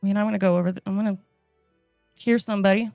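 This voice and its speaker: A woman's voice: mid-range voice, fairly even intonation, rapid-fire, a little mellow, no echo, studio quality, soft background music. A woman playing in an online tabletop game, asking questions and laying out tactics in casual chat. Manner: asks questions and plans tactics.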